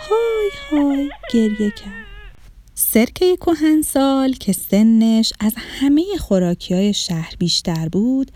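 High, mellow woman telling a children's story. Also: a little hiss or hum. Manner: expressive, gentle storytelling. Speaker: narrator.

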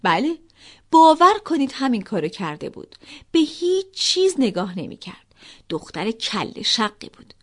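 Animated woman reading a children's story. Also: a little high.

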